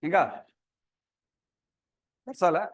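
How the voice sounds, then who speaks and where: A man's voice: moderate pace, no room sound, studio quality. A man with a Telugu Indian accent, a native Telugu speaker, lecturing like a programming teacher and often prompting students with short check questions. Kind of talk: interactive classroom lecture.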